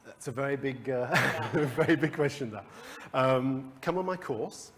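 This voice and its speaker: A man's voice: medium pitch, animated, moderate pace, background noise. A man leading a coaching workshop for a live group, talking conversationally with restarts and chuckles. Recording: long hall reverb.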